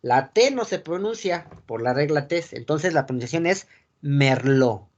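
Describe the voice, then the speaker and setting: A man with a Mexican accent teaching a class, often checking that students follow and filling pauses with "este". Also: fairly high pitch, big pitch swings, muffled recording. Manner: keeps checking the class follows, asking "sale?"; frequent filler "este" and restarts. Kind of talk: classroom lecture. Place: classroom with a board.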